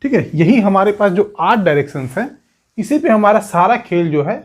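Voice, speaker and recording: Lively Hindi-speaking male coaching teacher. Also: sits high, normal speed. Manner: repeats "theek hai" and asks the class rhetorical questions. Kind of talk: exam coaching lesson.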